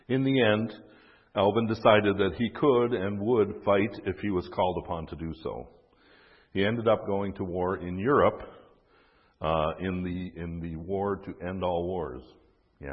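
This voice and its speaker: A man with a low, husky voice tells a history story casually, with fillers and wry asides. The recording sounds dull and echoey, as if in a hall. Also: a little slow, pauses often.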